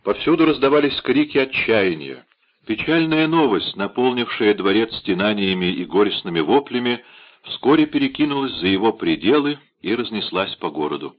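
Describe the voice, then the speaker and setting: A male narrator reading a classic novel aloud with dramatic, steady storytelling. His voice sits a little low, and the recording is dull and slightly lo-fi. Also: moderate pace. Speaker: audiobook narrator. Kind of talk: expressive literary reading.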